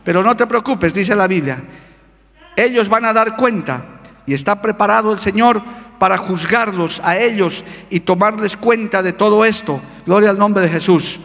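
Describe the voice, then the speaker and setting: A man's voice: high-pitched, normal speed, vocal fry, a bit bright, big-room sound. A male pastor preaching a fervent sermon, calling out to his congregation for amens. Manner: fervent preaching with call-and-response.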